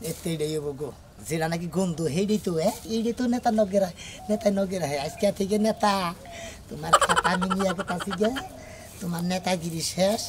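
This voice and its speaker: A performer playing a sly village friend with a rural Bangladeshi Bengali accent, smoothly reassuring the husband in a comedy skit. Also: mid-range voice, a little fast, a little hiss or hum, close to an everyday voice. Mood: gloating. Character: sly village friend who steals the quilt.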